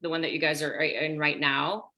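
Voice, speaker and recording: On a group video call, a lively sixty-something women's health coach chats directly with participants, whom she calls "you guys." She has a low voice and talks a little fast.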